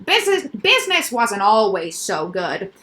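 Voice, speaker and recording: Woman playing a fussy male noise doctor, emphatic, salesman-like, loud and eager, storybook character. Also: medium pitch, very animated, a little slow.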